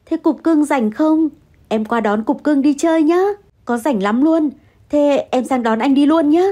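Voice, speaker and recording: A woman's voice: high-pitched, measured pace, warm tone, voice pushed up. Woman putting on a cooing rich mistress. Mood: cooing flirt. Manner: cooing, sugary, calls him "darling".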